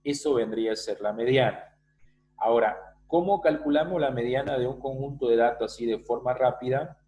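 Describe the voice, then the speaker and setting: A man's voice: medium pitch, moderate pace, mellow, a little hiss or hum, rough recording. Man teaching a math class online. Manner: explains step by step, often checking with students. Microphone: video call.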